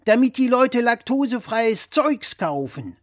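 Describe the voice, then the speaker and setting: A man voicing a blustering, opinionated, old-fashioned father who lectures loudly and with emphasis. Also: extremely high pitch, very animated, unhurried, no room sound, studio quality, pitched above the performer's own voice, exaggerated voice.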